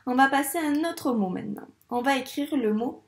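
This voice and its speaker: This primary school teacher, a young woman, walks young children through handwriting, patiently asking questions and supplying the answers on her own. She speaks a little fast in a high voice, and the room is reverberant.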